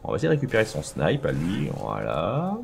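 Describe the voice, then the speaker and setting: A man's voice: low voice, huge pitch swings, fairly quick, creaky, a little mellow, slight background noise. A man hosting a let's play, chatting casually and thinking aloud with lots of fillers as he plays. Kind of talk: casual gameplay commentary.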